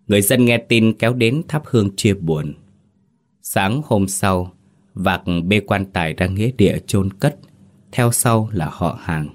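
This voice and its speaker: A man hosting and narrating a scripted horror story in a steady, measured way. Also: lowish voice. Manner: steady, measured storytelling with hesitant asides in the intro. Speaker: host and narrator.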